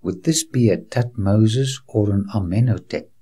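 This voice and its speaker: This documentary presenter speaks slowly and without hurry, his voice low, dark and slightly husky. He leads the viewer from spot to spot like a tour guide, his intonation rising and falling widely. Earnest and reassuring, he addresses the viewer as a friend, and his scripted narration includes preaching asides.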